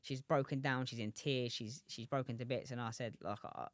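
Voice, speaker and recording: A young man in his twenties talks quickly and openly as a podcast guest, rambling and restarting sentences, tossing in asides to the host. His voice sits at an ordinary middle pitch and is recorded dry and close, with no room sound. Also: steady tone, no room sound. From England. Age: 20s. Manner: rambling, many restarts and "do you know what I mean". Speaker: guest, professional boxer. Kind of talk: casual interview chat.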